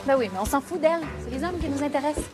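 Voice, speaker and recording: An eager young woman with a Québécois accent, gushing as she searches for a prince. Her voice is a touch high and music runs under every line. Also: expressive, rapid-fire. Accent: Québécois French. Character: dreamy, impatient young woman seeking a prince. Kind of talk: film dialogue.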